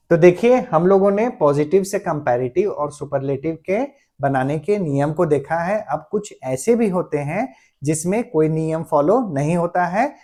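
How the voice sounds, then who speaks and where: A man teaching a grammar lesson. He explains patiently, often slows down to dictate words one at a time, and checks in with his listeners as he goes. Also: on the high side, a little mellow. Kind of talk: classroom-style grammar lesson.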